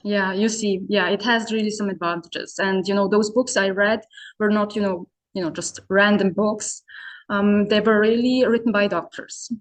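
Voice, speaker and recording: A woman originally from Serbia, a community founder appearing as a podcast guest, tells her story in relaxed, conversational English at a medium pitch and normal speed. Her casual interview answers are full of hesitations, frequent "you know"s and restarted sentences.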